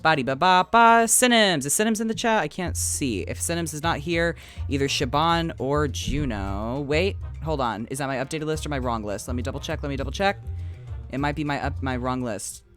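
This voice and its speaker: Playful, teasing game show host, mid-pitched. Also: lively intonation, a little fast, a bit bright, faint music behind. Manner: teasing mock-solemn judge, chatty with slangy swearing. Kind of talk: playful, casual improvised hosting.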